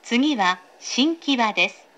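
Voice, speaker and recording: Recorded aboard a train with clear background noise, this lo-fi clip features a woman reading a scripted, pre-recorded announcement. Her fairly high, slightly bright voice is animated and slow, polite, formal and carefully enunciated.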